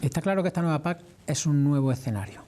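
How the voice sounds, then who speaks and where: A man with an Andalusian accent giving measured, explanatory answers as a farming representative in a formal interview. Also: a little high, expressive, mellow. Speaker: farmers' organisation representative being interviewed.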